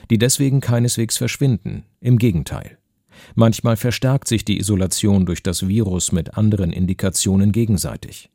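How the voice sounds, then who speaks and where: A man presenting a radio news feature, reading a scripted introduction in a calm, measured way. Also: fairly low pitch, no echo, clean studio sound.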